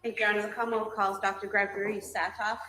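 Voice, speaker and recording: A woman's voice: medium pitch, little pitch movement, fast, sharp tone, soft background music. Woman attorney questioning a witness. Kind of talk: formal courtroom questioning. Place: courtroom.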